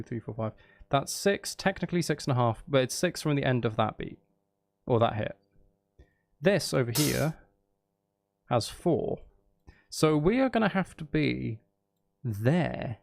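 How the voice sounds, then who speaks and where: A man thinks aloud during a casual live stream as he edits music, working through the task by repeating phrases and asking himself questions. His medium-pitched voice is gravelly and a little mellow, with slight background noise.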